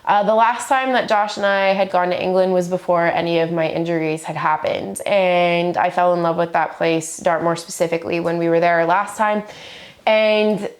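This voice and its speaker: A woman's voice: lowish voice, fairly even intonation, normal speed. A woman in her thirties chatting enthusiastically about books she has read, still getting over the flu. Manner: enthusiastic, gushing. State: recovering from flu. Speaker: book vlogger. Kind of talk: casual book review chat.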